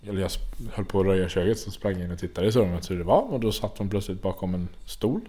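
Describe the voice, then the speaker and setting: A man's voice: deep voice, warm tone. A man in his thirties, chatting casually, who often restarts his sentences and acts out what others said. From Sweden. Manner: halting, full of restarts, acts out quotes. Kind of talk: casual chat.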